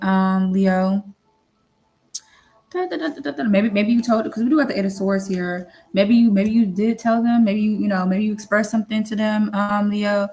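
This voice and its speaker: A woman's voice: mid-range voice, a little mellow. A woman giving a casual tarot reading, rambling and repeating herself, with lots of fillers and the odd casual swear. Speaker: tarot reader.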